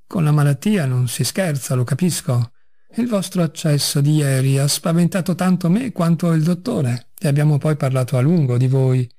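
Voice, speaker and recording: A man voicing an elderly male postmaster who pleads with fussy, overly affectionate warmth in a storybook reading. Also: fairly high pitch, normal speed, natural voice. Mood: pleading.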